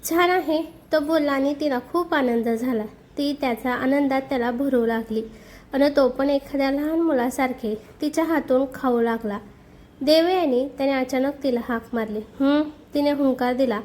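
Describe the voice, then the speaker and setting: Storyteller woman, high and mellow, reads a romance with steady expression. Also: moderate pace. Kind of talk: scripted narration.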